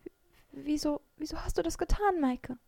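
A woman's voice: fairly high pitch, lively intonation, normal speed, vocal fry, a little mellow, no echo. A woman voicing a cheeky, teasing teenage schoolgirl in a storybook. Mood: tearful.

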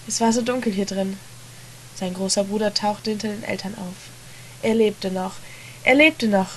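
A woman reading a story aloud in a hushed, dramatic narration. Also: medium pitch, fairly even intonation, moderate pace, a little hiss or hum. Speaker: reader.

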